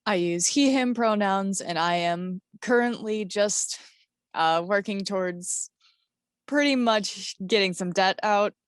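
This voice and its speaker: A young adult panelist speaks slowly and hesitantly in a casual way. The voice is a little distant from the mic, and the sound is dry. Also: medium pitch, smooth, dry recording. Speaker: student panelist.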